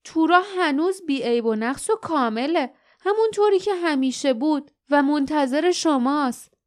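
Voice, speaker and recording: A woman voicing a steady grown male traveller who speaks reassuringly, in an audiobook. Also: high voice, voice pushed up. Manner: warm, reassuring.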